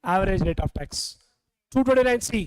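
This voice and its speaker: A man's voice: high-pitched, lively intonation, unhurried, clean tone, no room sound, rough recording. A man from India teaching a classroom revision lecture, quizzing students and scolding them in a teasing way.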